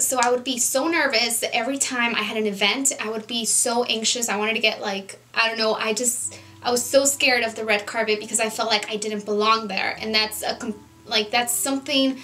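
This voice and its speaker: In her Southern California home, a beauty vlogger in her twenties chats casually on her vlog, her voice fairly high and sharp. She sounds earnest and sprinkles her talk with plenty of "like" and "you know."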